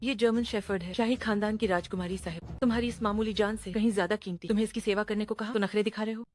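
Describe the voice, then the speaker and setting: An actress playing an arrogant company executive who speaks to a job seeker with scorn and condescension. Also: female voice, medium pitch, fairly even intonation, fast talker, a little mellow, slight background noise, lightly acted. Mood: haughty scornful. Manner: sneering, condescending. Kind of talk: dubbed short drama.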